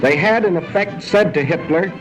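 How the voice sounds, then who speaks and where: An American man with a high-sitting voice narrates a wartime documentary from a script at normal speed. His delivery is dramatic, emphatic and solemn in a 1940s style. The muffled 1940s film soundtrack carries music behind him.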